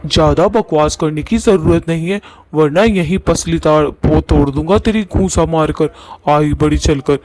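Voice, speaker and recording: A man's voice: fairly high pitch, darkish tone, natural voice, poor audio. A man voicing a grumpy, bossy old blue ghost husband in a cartoon. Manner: bossy, scolding, defensive. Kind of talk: cartoon voice acting.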